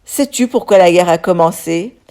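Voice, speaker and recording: A woman's voice: fairly low pitch, normal speed, mellow, lightly acted. A woman voicing a jolly vegetable king in a children's storybook, amused and questioning.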